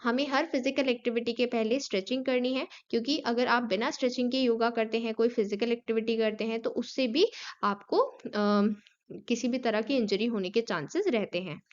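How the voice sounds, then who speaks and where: A woman's voice: a little high, normal speed, muffled recording. A woman with an Indian accent teaching an online class, explaining steadily with frequent fillers and English terms.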